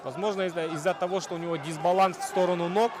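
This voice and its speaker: A man commentating live on an MMA bout like a wrestling commentator, moving between analysis and excitable calls. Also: high voice, fast. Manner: analytical play-by-play. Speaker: fight commentator. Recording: loud crowd and arena noise behind. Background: arena crowd.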